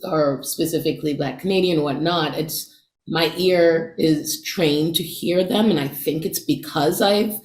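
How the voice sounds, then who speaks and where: A woman raised in Jamaica, with Patois as her first language, speaks thoughtfully in a casual interview chat as an actor and cast member. Her voice sits low, a little slow and darkish in tone, with a roomy sound.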